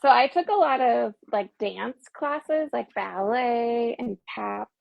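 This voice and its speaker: An American woman hosts a casual chat, speaking slowly in a somewhat high, creaky voice full of fillers and giggles. The recording is dull, dry, and lo-fi.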